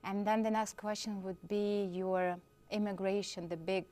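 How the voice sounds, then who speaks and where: A woman's voice: mid-range voice, fairly even intonation, normal speed, darkish tone. A woman hosting a talk show interview. She talks casually and often stops to restart her sentences.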